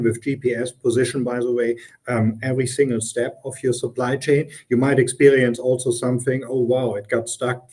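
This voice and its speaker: A middle-aged German man with a German accent and a mellow, medium-pitched voice appears as a guest consultant in an interview. He earnestly explains business topics, often saying um and restarting his sentences.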